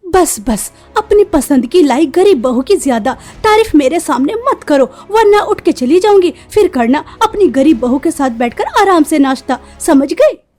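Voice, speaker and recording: A woman's voice: high-pitched, very animated, measured pace, a little mellow. A woman voicing a bossy, short-tempered older mother-in-law in a cartoon story, who talks in scolding, commanding tones. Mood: irritated.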